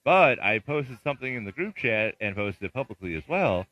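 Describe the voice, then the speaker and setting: A man co-hosting a casual sports podcast, rambling with many pauses. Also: mid-range voice, sing-song, dull audio. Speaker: podcast co-host.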